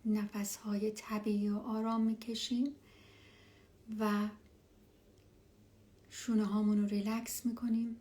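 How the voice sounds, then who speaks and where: A woman leading a guided relaxation meditation as an instructor, speaking softly and soothingly, often near a whisper, with unhurried pauses. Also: medium pitch, flat delivery. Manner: unhurried, with long pauses between phrases.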